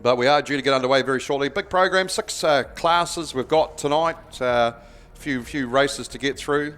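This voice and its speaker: A man's voice: mid-range voice, normal speed, a bit bright. A man with a New Zealand accent giving casual live commentary as a speedway track announcer.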